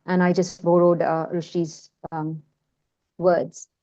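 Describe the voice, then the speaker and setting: A woman presents her film work in an informal online session, speaking slowly in a low, mellow voice with a level tone. She is a Malayalam speaker whose accent mixes Indian and American, and she hesitates with many fillers and restarts. The recording sounds lo-fi.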